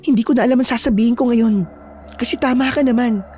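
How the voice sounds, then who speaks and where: A woman voicing a feisty young woman who is a loyal friend, talking in a brisk, scolding but reassuring way. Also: a little high, dark tone, soft background music, close to an everyday voice. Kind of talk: storytelling with acted dialogue.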